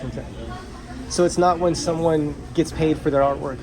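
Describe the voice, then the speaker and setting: A man's voice: a little high, steady tone, moderate pace, a crowd in the background, poor audio. A man interviewing a young artist, encouraging him and asking follow-up questions. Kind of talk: casual interview.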